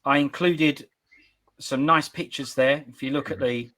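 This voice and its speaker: A man's voice: medium pitch, fairly even intonation, a little slow, pushed and bright, poor audio. A man hosting a casual sports podcast chat, rambling and restarting his sentences. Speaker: podcast host.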